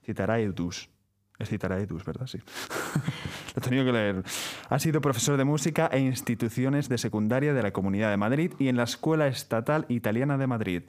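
A man's voice: mid-range voice, a little fast, darkish tone. A man co-hosting an interview, reading out a guest's background with care and asking questions. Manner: reads carefully, stumbles on names. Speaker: co-host.

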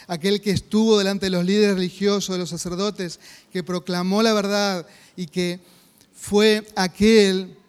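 A man's voice: high voice, darkish tone, clear, resonant tone, big-room sound. A man, a pastor with a Rioplatense Spanish accent, teaching a sermon-style Bible class and earnestly checking in with the congregation. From Argentina. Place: church hall.

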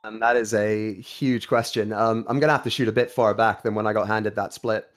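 A man's voice: fairly low pitch, fairly even intonation, brisk, faint music behind. A young man from Kuwait, a band singer, chatting casually as a podcast guest and reminiscing. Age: young adult.

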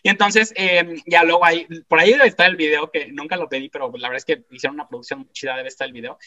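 A man with a Mexican Spanish accent, telling a story as a guest in a casual, animated, slangy way. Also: a little high, fast. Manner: animated, slangy, acts out quoted voices. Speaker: guest speaker. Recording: dull lo-fi sound.

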